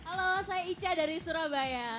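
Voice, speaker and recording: A young woman with a very high voice gives a quick introduction as a talent show contestant. Studio music sits clearly behind her in the broadcast. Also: a crowd in the background. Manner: brief self-introductions. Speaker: singing contestant.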